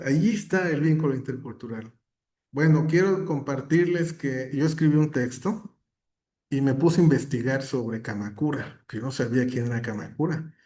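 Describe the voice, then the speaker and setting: A man's voice: medium pitch, mellow. A man speaking as an academic guest in a conversational talk, reflective, often tagging his points with questions. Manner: reflective, gives examples, frequent tag questions.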